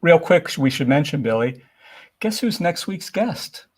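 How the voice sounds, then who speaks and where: A man's voice: fairly high pitch, big pitch swings, measured pace, breathy edge. A man co-hosting an interview in a playful, joking manner. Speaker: co-host. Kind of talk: casual interview chat.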